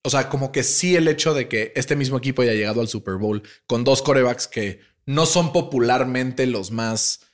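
A man with a Mexican accent, co-hosting a casual sports podcast, slangy and animated with many fillers. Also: medium pitch, normal speed, hardly any pauses. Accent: Mexican Spanish. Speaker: podcast co-host.

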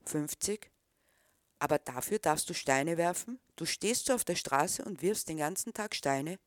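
A woman's voice: low-pitched, lively intonation, unhurried, no echo, clean studio sound. A woman reading a stern, probing middle-aged man. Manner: probing, disapproving questions.

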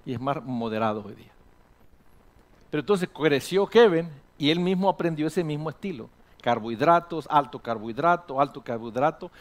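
A male pastor preaching a sermon to his congregation in an animated way, dropping in English words now and then. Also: a little high, normal speed. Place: church sanctuary with congregation.

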